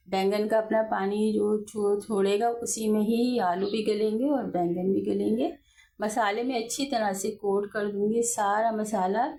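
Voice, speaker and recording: A woman's voice: medium pitch, mellow. A woman with an Urdu-speaking Pakistani accent, hosting a home cooking video from her kitchen, talking in a homely, chatty way and often correcting herself mid-sentence. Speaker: home cooking channel host. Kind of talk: chatty step-by-step cooking demo.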